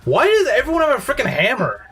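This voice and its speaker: Animated young man gaming. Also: very high voice, faint music behind. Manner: animated, quick to complain and laugh. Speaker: let's play host. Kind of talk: casual gaming commentary.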